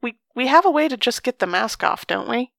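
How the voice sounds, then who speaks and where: A woman playing a tabletop game, speaking in a thoughtful, measured way. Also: on the high side, lively intonation, creaky, a bit bright, no room sound. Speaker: player. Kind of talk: casual play chat.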